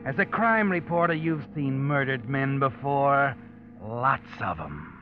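A man narrating a 1940s radio drama in the second person, brooding and measured. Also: medium pitch, expressive. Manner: brooding, measured, addresses the hero as you. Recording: dull old radio broadcast with music.

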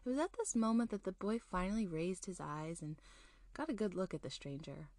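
A woman narrating a scripted spooky folktale as a storyteller, in a folksy, unhurried manner. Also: medium pitch, lively intonation, a little mellow, no echo. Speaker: storyteller, show host.

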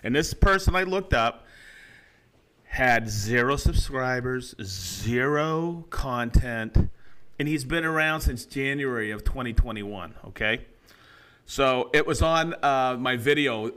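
A middle-aged man co-hosting a casual podcast, animated and quick to laugh. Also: mid-range voice, clear, resonant tone. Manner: animated, laughs loudly and often, reads comments in mock voices. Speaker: podcast co-host. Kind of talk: casual chat.

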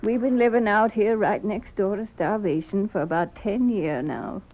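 An actress playing a patient, firm frontier wife with plain frontier speech, in 1930s radio acting on a tinny old recording. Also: female voice, medium pitch, moderate pace, close to an everyday voice.

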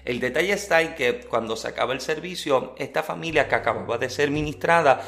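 A man preaching, telling a personal testimony in an earnest, lively storytelling manner. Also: mid-range voice.

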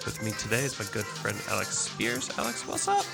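Male host, chatty and laughing, gravelly low voice, bright tone, cavernous echo-chamber room sound. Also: wildly swooping pitch, faint music behind. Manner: chatty, laughs often, halting restarts. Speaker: podcast host. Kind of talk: casual sports chat. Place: large echoey boardroom.

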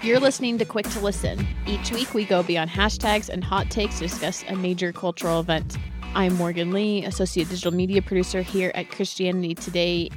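A woman hosting a podcast, opening the episode and steering the conversation in an upbeat, conversational way. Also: on the low side. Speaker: podcast host and producer.

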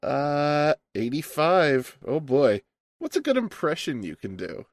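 A man's voice: a little high, wildly swooping pitch, takes it slowly, dry recording. A man hosting an interview, reading out numbered questions in a playful way. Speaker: interview host.

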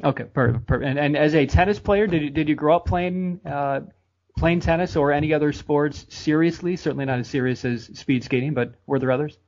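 An American man hosting a podcast interview, friendly and fast-talking, often repeating words. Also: a little high, darkish tone, lo-fi sound. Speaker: podcast host.

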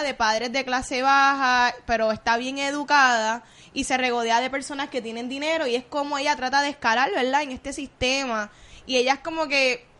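A woman's voice: sits high, bright, forceful tone. A young woman with a Puerto Rican accent co-hosting a casual podcast, chatting about series and dropping in English words. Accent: Puerto Rican Spanish. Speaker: podcast co-host. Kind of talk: casual chat reviewing films and series.

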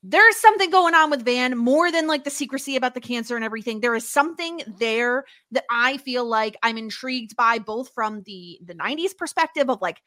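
Brief: woman podcast host, higher pitch, bright and forceful, chatty filler-heavy talk, dry sound. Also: animated, a little fast, few pauses, no room sound. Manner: chatty, full of "like" and "obviously". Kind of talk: casual chat.

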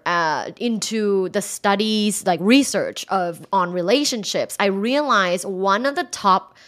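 A woman's voice: medium pitch, a bit bright. A woman from Thailand, a sex educator talking frankly and candidly in a casual interview, giggling often and filling her sentences with "like". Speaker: sex educator and college instructor.

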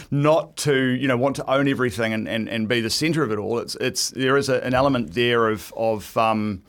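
A man's voice: medium pitch, a bit bright. Hesitant middle-aged New man chatting casually. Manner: hesitant, stop-start, self-deprecating. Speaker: guest, event ring announcer. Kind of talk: casual radio interview chat.

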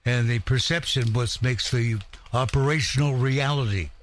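A man's voice: mid-range voice, fairly even intonation, normal speed, a little hiss or hum. A man hosting an interview who asks probing follow-up questions in a conversational way. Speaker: interviewer, host.

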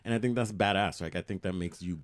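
A man's voice: sits low, quick pace, no echo. A young man co-hosting a podcast, talking in a heartfelt, emphatic and profane way. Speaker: podcast co-host. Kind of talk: candid podcast chat.

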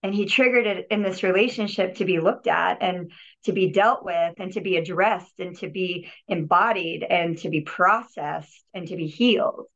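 A fairly low-pitched, slightly bright woman's voice at normal speed comes through dull lo-fi audio. She's a healer and yogi guesting on a podcast, telling her healing story earnestly and reflectively while often restarting and repeating words.

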